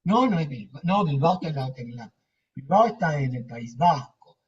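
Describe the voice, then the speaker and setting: A man's voice: a little high, animated, normal speed, far from the mic, dull audio, crowd noise. A man, chatting casually with a group, rambling and searching for words. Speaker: lecturer.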